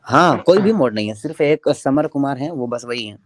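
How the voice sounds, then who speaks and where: A man's voice: mid-range voice, expressive, normal speed, no echo, clean studio sound. A man on a livestream debate panel. He talks casually and asks the host for something politely, with some hesitation. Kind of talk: casual chat on a live call.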